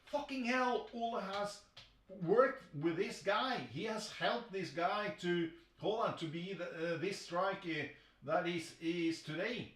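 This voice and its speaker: A man hosting a football chat stream. He talks excitably, swears often, and restarts his sentences a lot. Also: sits high, slow pace, roomy sound, far from the mic, rough recording. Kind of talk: live football commentary chat.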